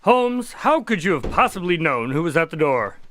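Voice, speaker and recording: A man's voice: on the high side, very animated, moderate pace, a bit bright, a little hiss or hum. A man playing a courteous, easily flustered doctor and storyteller in a radio drama, with a polite, old-fashioned, theatrical manner. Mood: concerned. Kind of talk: radio drama acting and narration.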